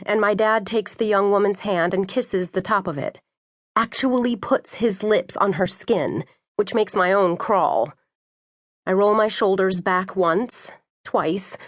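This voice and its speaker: A woman narrates a first-person audiobook with a wry, brisk delivery. Her voice sits at an ordinary middle pitch. The sound is dry and close, with no room around it. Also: dry recording.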